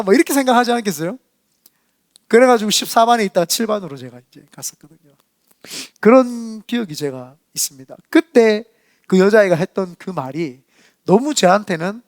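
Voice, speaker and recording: A man's voice: sits high, no echo, studio quality. A man preaching in a church. He tells stories and acts out the voices he quotes. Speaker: senior pastor. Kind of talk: storytelling sermon. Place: church sanctuary.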